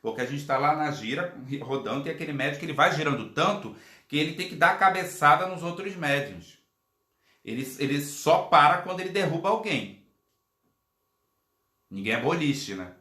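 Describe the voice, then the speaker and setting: A man giving a live-streamed lecture as a spiritual teacher. He speaks in an animated, colloquial way and acts out quotes. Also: on the high side, normal speed, echoey room.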